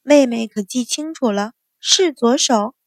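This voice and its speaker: A woman voicing a calm young eldest daughter, cool and faintly mocking. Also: fairly high pitch, measured pace, no room sound, studio quality.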